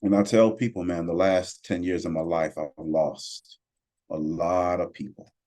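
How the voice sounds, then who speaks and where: Man, 40s, very deep mellow voice, earnest and reflective, measured podcast talk. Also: little pitch movement. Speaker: podcast co-host.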